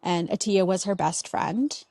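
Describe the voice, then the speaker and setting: A woman's voice: medium pitch, a little slow, mellow, no echo. A young woman talking casually as an interview guest, sharing family memories with many "like" fillers.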